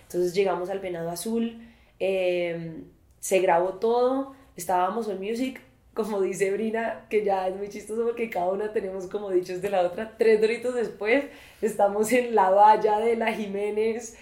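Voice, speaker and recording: A woman's voice: medium pitch, steady tone, normal speed, warm tone. Gushing valley-girl style Colombian woman, echoey room. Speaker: musician in a women's collective. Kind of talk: casual interview storytelling.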